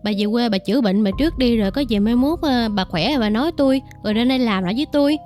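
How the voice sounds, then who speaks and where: A woman voicing a brisk middle-aged eatery owner who speaks quickly and offhandedly. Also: fairly high pitch, darkish tone, soft background music, close to an everyday voice. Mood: offhand.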